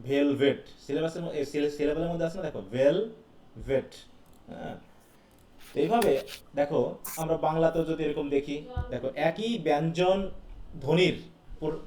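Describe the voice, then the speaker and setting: A man's voice: on the high side, warm tone, a little hiss or hum. Male teacher in an echoey classroom. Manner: explains step by step, asking students questions. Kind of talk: live class lecture. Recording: echoey classroom heard from a distance.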